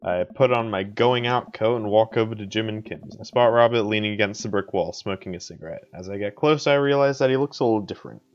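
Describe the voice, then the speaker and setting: A man's voice: lowish voice, fast, few pauses, lo-fi sound. A man streaming a game, chatting casually and reading the story aloud, rambling and laughing often. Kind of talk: casual let's play chat and narration.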